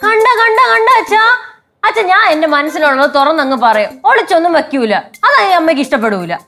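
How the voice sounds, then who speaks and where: A blunt, theatrical young daughter tells tales on her mother to her father. Her voice is very high and bright, and it leaps about in pitch. A faint instrument plays behind her. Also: very animated, a little fast, faint music behind, exaggerated voice. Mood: tattling. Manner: outspoken, tattling, theatrical. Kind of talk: sitcom acting.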